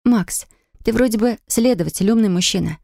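A woman's voice: medium pitch, fairly quick, gravelly, warm tone, no echo, clean studio sound, voice pushed up, natural voice. A woman voicing a hurt, defiant young pregnant wife who talks in a bitter, reproachful way.

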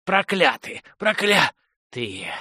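A man voicing a condemned lord who snarls curses in a hoarse, furious voice, raised high and loud and drawn out slowly. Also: sing-song, no room sound, studio quality, exaggerated voice. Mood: cursing. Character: condemned male lord, raging and cursing.

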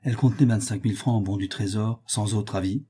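A man narrating a classic novel in a measured storytelling manner. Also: fairly low pitch, fairly even intonation, dark tone, breathy edge. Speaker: audiobook reader.

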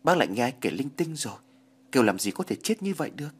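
A man voicing a weary middle-aged soldier who speaks softly and stammers in a spoken horror story. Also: mid-range voice, very animated, fast, husky, pitched above the performer's own voice. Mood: shaken. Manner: soft, stammering, deferential. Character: weary returning male soldier, grief-stricken and gentle.

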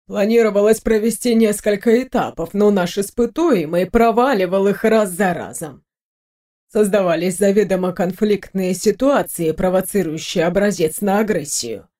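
A woman's voice: mid-range voice, warm tone, natural voice. A woman reading an audiobook, voicing a detached, formal recorded lab report. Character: cold official lab report voice.

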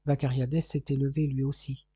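Husky dark-voiced man narrating. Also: mid-range voice, level tone, brisk, no room sound. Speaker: audiobook reader. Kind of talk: scripted narration of a crime novel.

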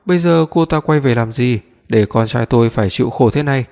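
A sharp-tongued older mother scolds her son, voiced by a man reading an audiobook. Her voice is plain and middling in pitch. A long reverb trails behind it. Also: fairly quick, gravelly, natural voice. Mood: scolding.

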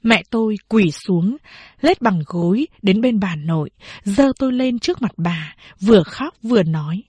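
A woman narrating a novel as an audiobook, slow and measured. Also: medium pitch, animated, a little mellow, slightly rough, no echo.

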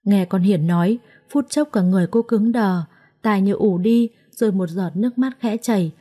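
A woman, narrating a scripted story in a gentle, measured way. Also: medium pitch.

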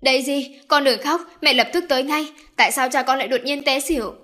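A strong-willed middle-aged mother who scolds and comforts by turns, as a woman narrator puts her on. Spoken a touch higher than the narration, in a firm storybook voice. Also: steady tone, normal speed, a bit bright, close to an everyday voice. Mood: soothing.

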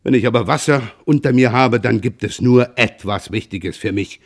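A man reading aloud voices a gruff, impatient older fisherman and father who grumbles loudly and then apologizes sheepishly. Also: mid-range voice, moderate pace, close to an everyday voice. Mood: apologetic. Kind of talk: audiobook character reading.

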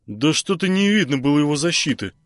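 A man voicing an indignant young newcomer who flares up quickly in an audiobook. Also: on the high side, lively intonation, no echo, studio quality, pitched above the performer's own voice, natural voice.

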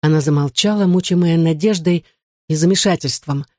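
A man reading a novel aloud in measured, even narration. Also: a little high, no echo, clean studio sound. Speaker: audiobook reader. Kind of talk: scripted narration.

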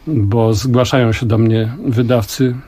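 An older man with a mid-range voice talks thoughtfully in a radio studio interview. He weighs his words and pauses often as he explains his craft. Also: medium pitch, level tone, mellow, slightly rough. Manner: reflective, measured, with frequent pauses. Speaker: song translator and musician, guest.

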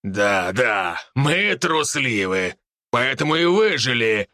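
Man as scarred wolf warlord, sneering growl, bright edge, dry close read. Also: medium pitch, very animated, takes it slowly, no echo, full character voice. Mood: mocking. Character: scarred veteran wolf-beast warlord, mocking. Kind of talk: audiobook character voice.

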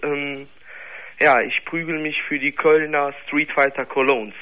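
A man's voice: on the high side, fairly even intonation, measured pace, sharp tone, muffled recording. Hesitant nineteen-year-old male caller. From Germany. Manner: hesitant, struggles for words. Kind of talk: phone-in conversation.

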